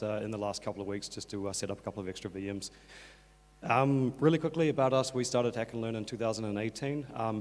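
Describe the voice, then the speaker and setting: Casting: New man, lowish croaky voice with creaky starts, casual hesitant presenter in a reverberant hall. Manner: casual, hesitant, many fillers such as "like". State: croaky from two days of talking. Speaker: conference speaker, workshop organiser. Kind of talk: informal stage presentation. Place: on stage in a conference hall. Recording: echoey hall, long reverb.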